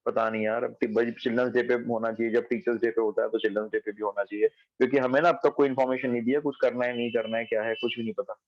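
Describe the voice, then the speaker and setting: A man teaching a math class online from home, working through each step aloud and stopping to check that his students follow. His voice sits at a middling pitch. The sound is dry and dull, like a lo-fi recording. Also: flat delivery, fast talker, hardly any pauses, no room sound. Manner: explains step by step, checks understanding.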